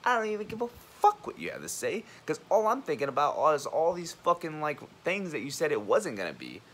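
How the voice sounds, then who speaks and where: A man's voice: fairly high pitch, fairly quick, breathy edge. A young man, a college student and army veteran, ranting bluntly and profanely in a heated vlog monologue. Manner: animated, acts out others' lines.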